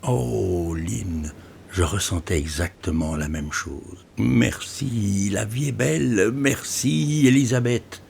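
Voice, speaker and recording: Man playing a gentle lovestruck bass-voiced man. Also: slow, gravelly, a little hiss or hum. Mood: tender.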